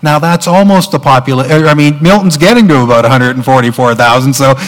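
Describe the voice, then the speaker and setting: A man's voice: medium pitch, a little fast, long reverb tail, poor audio. A man preaching a sermon as pastor, conversational, with frequent fillers and restarts.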